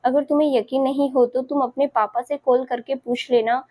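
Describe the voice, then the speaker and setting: A woman's voice: sits high, fairly even intonation, normal speed, darkish tone, dry recording. A woman voicing a spiteful scheming aunt in a spoken story, with a sly, taunting manner.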